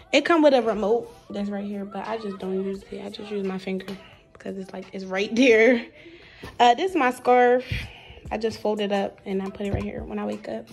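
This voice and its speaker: Young woman chatting through a dorm tour. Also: on the high side. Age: young adult. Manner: chatty, listing items, addresses viewers as y'all. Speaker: college freshman vlogger. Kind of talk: casual dorm tour vlog. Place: small dorm room indoors.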